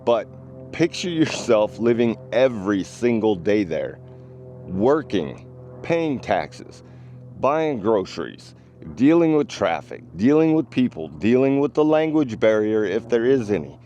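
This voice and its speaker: A man's voice: fairly low pitch, warm tone, a little hiss or hum. Earnest middle-aged American man vlogging. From United States. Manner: earnest, direct, emphatic. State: out of breath, walking with a tripod. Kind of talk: casual advice vlog.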